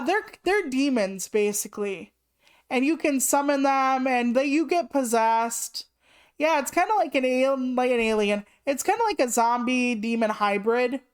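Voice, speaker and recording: A woman's voice: high-pitched, clean tone. Chatty, foul-mouthed woman streamer. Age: 30s. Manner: chatty and swears freely; rambling asides with many "like" fillers. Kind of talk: casual live-stream chat.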